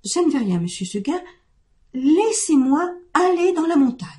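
Blanquette, a woman doing a gentle stubborn young goat. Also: medium pitch, lively intonation, unhurried, natural voice. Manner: soft, polite, insistent.

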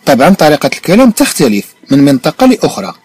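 Moroccan teacher with a very lively voice. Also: male voice, fairly high pitch, slightly rough, dry recording. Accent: Moroccan Arabic. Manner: repeats each phrase slowly, then translates and checks understanding. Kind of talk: bilingual language lesson, explaining line by line.

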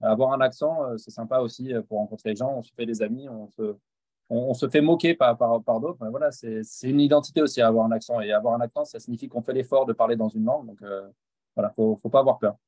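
A man's voice: medium pitch, fairly even intonation, fast talker, darkish tone, dry recording. A man on a video call, speaking directly and encouragingly in a casual panel discussion.

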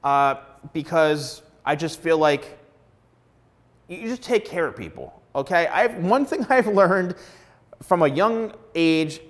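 A man's voice: on the high side, expressive, slow. A middle-aged man, a hairstylist, giving blunt, emphatic advice straight to camera on a lapel mic. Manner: emphatic, blunt, repeats words for stress. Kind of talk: direct-to-camera advice vlog. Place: plain studio backdrop indoors.

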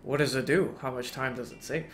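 A man streaming a speedrun, greeting viewers by name and reacting with sudden excited outbursts. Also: mid-range voice, fairly quick, faint music behind. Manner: greets and answers chat, bursts into excited exclamations. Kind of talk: casual live-stream chat while gaming.

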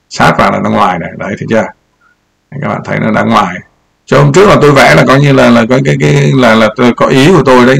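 A man's voice: mid-range voice, creaky, fairly bright tone. An older man giving casual political commentary over a map, rambling and repeating words as he points things out.

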